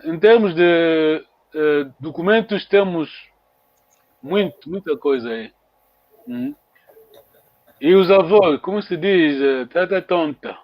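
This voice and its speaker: A man leads an online language lesson, sounding out each word slowly and patiently. His voice sits a little high. The audio is muffled and lo-fi, as over a call. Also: lively intonation, no room sound. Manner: patient, repeats words slowly for students. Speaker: language teacher.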